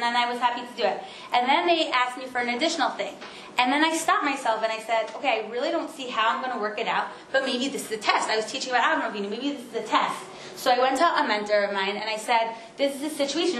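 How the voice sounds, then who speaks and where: Woman in her thirties, high voice, chatty class speaker, echoey room. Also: fairly bright tone. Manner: chatty storytelling, fast asides, self-interrupting. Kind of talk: informal talk to a women's class. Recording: roomy echo with faint background noise.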